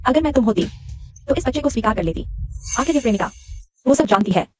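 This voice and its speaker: A woman's voice: on the high side, animated, fast, a little mellow, slightly rough, no room sound, soft background music. Domineering mother-in-law. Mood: coaxing. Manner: scolding, harsh. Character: bitter middle-aged mother-in-law, domineering. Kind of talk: Hindi dub of a drama.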